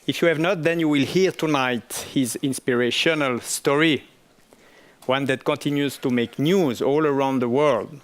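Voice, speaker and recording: A man hosting a graduation ceremony, giving a formal, slightly halting introduction of the speaker. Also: medium pitch. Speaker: ceremony host. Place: ceremony hall.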